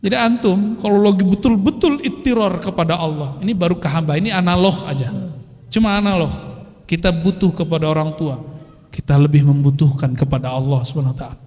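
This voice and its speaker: A man's voice: on the high side, fairly quick, darkish tone. A middle-aged man preaching a religious study talk in a casual, conversational way, weaving in Arabic phrases. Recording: long hall reverb.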